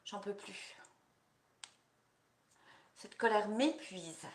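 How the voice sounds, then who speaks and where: A woman's voice: mid-range voice, animated, a little hiss or hum. Woman guiding EFT tapping, echoey room. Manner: repeats affirmations slowly, coaching listeners between phrases. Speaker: EFT practitioner. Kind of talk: guided EFT tapping session.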